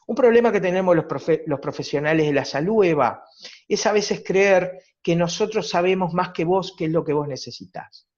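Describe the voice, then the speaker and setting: A man's voice: sits high, moderate pace, darkish tone. A man with a Uruguayan accent, a psychologist giving a reflective, explanatory talk at a virtual conference. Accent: Uruguayan Spanish. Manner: reflective, explanatory, rhetorical tag questions. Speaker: psychologist lecturer. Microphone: video call. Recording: dull lo-fi video call audio.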